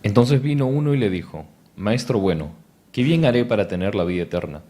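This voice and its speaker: A man reading a Bible passage aloud in a slow, measured way. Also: fairly low pitch, animated, dark tone. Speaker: scripture reader.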